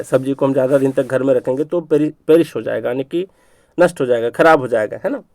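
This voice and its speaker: A man teaching an exam-prep spelling lesson in a fairly high voice. He stretches words out slowly, repeats them again and again, and keeps checking that his students are following. The recording is close and dry, with no room sound. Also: dark tone, dry recording.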